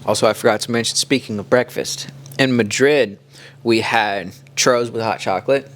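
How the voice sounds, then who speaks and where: A man's voice: mid-range voice, moderate pace. A man from the Kansas City area co-hosting a podcast, chatting casually and telling stories in a loose, rambling way. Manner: relaxed storytelling, loose with "like". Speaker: podcast co-host. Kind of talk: casual chat.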